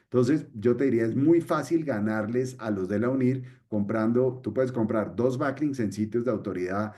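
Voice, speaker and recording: A man's voice: medium pitch, normal speed, warm tone. A middle-aged man presenting a webinar, explaining step by step and repeating his key points. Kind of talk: screen-share webinar explanation.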